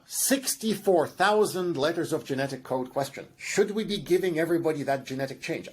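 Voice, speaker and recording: A husky, mid-range male voice belongs to a Russian-accented genetics professor, Russian by ancestry, who explains things at length and with enthusiasm in interview answers, often restarting and using fillers.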